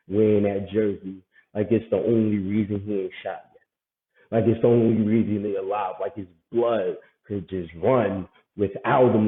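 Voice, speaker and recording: A man performing a spoken-word poem at an open mic, with a rhythmic delivery that builds in intensity. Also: mid-range voice. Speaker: poet. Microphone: online open mic call. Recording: tinny phone-like sound, roomy echo.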